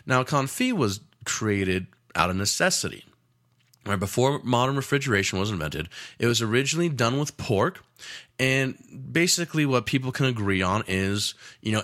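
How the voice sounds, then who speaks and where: A man's voice: on the low side, a bit bright. A man, a chef, giving a casual cooking lesson, rambling with many fillers and joking asides.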